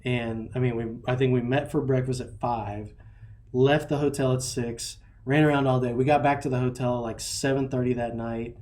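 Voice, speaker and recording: A man in his thirties, a podcast host telling rambling, animated stories about his kids and laughing at them. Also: medium pitch, normal speed. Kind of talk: casual chat.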